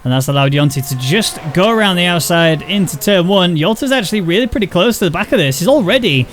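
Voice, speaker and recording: A fast-talking man with a high voice works as co-commentator on live coverage of an online sim racing league alongside a co-host. He keeps a steady play-by-play and chats casually between calls.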